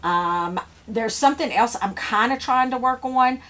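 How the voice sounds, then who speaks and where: A flower farmer in her 50s from Louisiana chats to the camera while tending seedling trays on the grow shelves of an indoor seed-starting shed. Her voice is a little high, a bit bright, and slightly slow, and she rambles with plenty of fillers and restarts.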